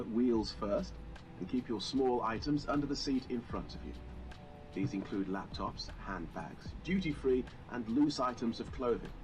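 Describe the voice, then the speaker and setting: Casting: male actor as polite flight attendant, animated intonation, formal airline boarding announcement, noticeable background sound. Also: medium pitch, natural voice, low-quality recording. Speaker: cabin crew announcer.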